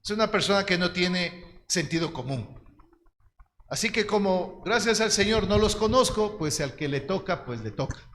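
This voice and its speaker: A man's voice: high-pitched, animated, normal speed, fairly bright tone. A man, preaching a teaching sermon in an earnest, direct way and calling his listeners brothers. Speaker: pastor. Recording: long hall reverb.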